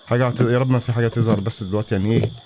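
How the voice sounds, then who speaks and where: A gaming host with an Egyptian Arabic accent races through horror game commentary in a mid-range, slightly mellow voice with fairly even intonation. He talks to himself in nervous, jumpy mutterings, and there's a little hiss or hum.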